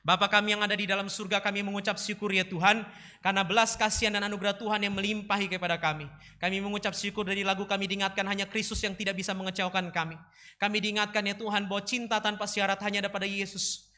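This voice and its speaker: A man, a pastor, preaching a sermon and telling a story with lively energy, acting out characters' lines loudly. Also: sits high, quick pace.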